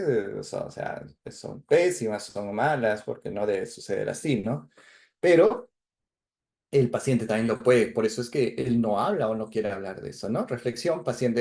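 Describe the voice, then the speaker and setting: Mellow-voiced male medical lecturer. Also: mid-range voice. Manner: explanatory, frequent tag questions and fillers. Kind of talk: university lecture.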